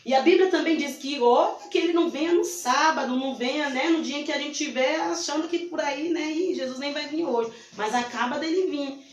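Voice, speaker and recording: Animated high-voiced woman giving a testimony. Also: brisk, hardly any pauses, echoey room, far from the mic. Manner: animated, emphatic, acts out quoted lines. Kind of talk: church testimony storytelling.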